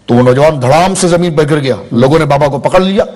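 A man in his forties, a religious scholar in a TV studio interview, explaining slowly with everyday examples and stories. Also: a little high, a little mellow. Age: 40s. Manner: measured, explains with examples and anecdotes. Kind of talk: studio interview, spiritual teaching.

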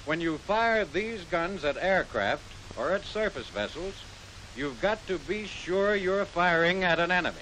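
In a high, expressive voice that sounds pushed and bright, a vintage American military gunnery instructor narrates a scripted 1940s-50s newsreel-style training film. His phrasing is formal, instructive and measured, and the poor audio is full of hiss.

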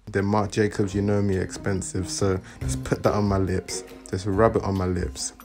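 A man's voice: deep voice, level tone, normal speed. A man doing a casual, playful, repetitive mock makeup tutorial over music. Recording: background music.

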